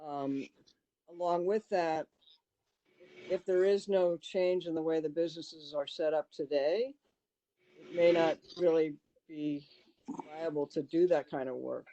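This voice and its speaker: A committee chair speaking over a video call at a town meeting. The voice sits at a middling pitch and wanders through ideas out loud, stopping and restarting, padded with fillers. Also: steady tone, a little slow, dull audio. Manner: rambling, thinking aloud with many fillers.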